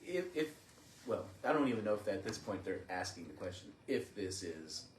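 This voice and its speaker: A low-voiced man thinks aloud in a casual Bible study, often stumbling and restarting as he works out his point. He sits away from the mic in an echoey church room with a faint hiss behind him. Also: big pitch swings, moderate pace, recorded from a distance.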